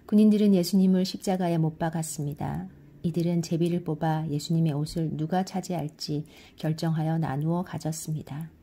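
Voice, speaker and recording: A middle-aged woman giving a calm, measured scripture reading, with quoted lines read slightly louder. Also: low voice. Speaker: Bible reader.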